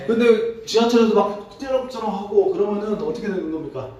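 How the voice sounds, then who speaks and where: A man preaching as a pastor, asking his congregation questions in a relaxed, conversational sermon. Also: high voice, brisk, dull audio, a crowd in the background. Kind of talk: interactive sermon. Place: church sanctuary. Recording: echoey hall, distant mic.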